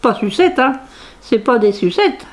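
Her voice sits a little high and sing-song, at a measured pace. She's a middle-aged woman vlogging about crafts from her craft room at home, casually musing to camera and crooning repeated phrases while digging through her purchases.

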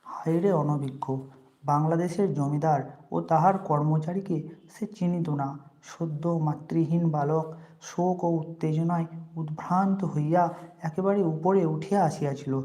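A narrator reads a classic short story aloud in a measured, solemn manner. The voice is dark and mellow, sitting at a middling pitch. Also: fairly even intonation. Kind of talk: storybook reading of classic literary prose.

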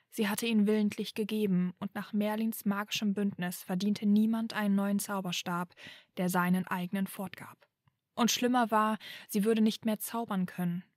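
A woman narrating a fan fiction audiobook in a calm, measured way. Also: mid-range voice, no echo, studio quality.

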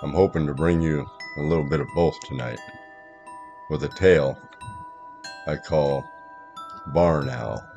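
A man narrating a first-person horror story in a measured, dramatic way. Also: a bass voice, gravelly, over music.

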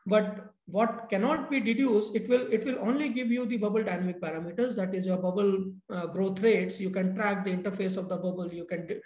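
A middle-aged man giving a technical keynote lecture over a video call, halting with many fillers and restarts. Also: sits high, steady tone, a little mellow. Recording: echoey room.

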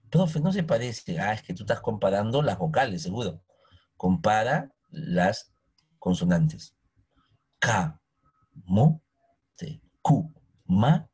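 A man's voice: lowish voice, darkish tone, slightly rough. A man teaching history, who keeps asking his listeners questions and coaxing answers. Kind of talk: recorded history lesson.

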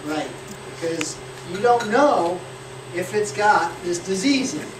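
A man's voice: high voice, animated, a little slow. A man in his forties teaching a beekeeping class, explaining practical points with plenty of fillers. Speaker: beekeeping instructor. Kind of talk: hands-on teaching talk. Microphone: far camera. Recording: echoey and noisy from far off.

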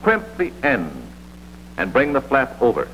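Unhurried and a bit bright, this medium-pitched male voice swings dramatically up and down. The speaker, an American, narrates a vintage military training film in an authoritative, scripted, instructional way, heard on a dull soundtrack with hum and hiss.

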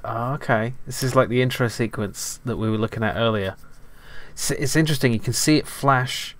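A middle-aged man hosting a retro computing video, muttering casually and mocking himself as he explores old files. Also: medium pitch. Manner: muttering, self-deprecating, quick to laugh. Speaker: retro computing channel host.

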